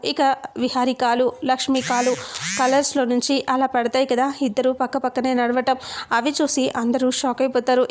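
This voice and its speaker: A woman retelling a television serial episode, quoting the characters' lines as she goes. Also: sits high. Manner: brisk retelling with quoted dialogue.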